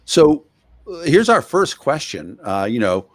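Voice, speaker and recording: A man hosting an interview over a video call, conversational, pausing often with hesitations. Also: a little high, big pitch swings, no echo. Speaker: guest host.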